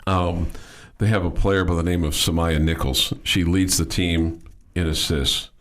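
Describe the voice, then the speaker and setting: A man hosting a casual sports radio show, talking in a halting way and repeating words as he goes. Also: deep voice, steady tone.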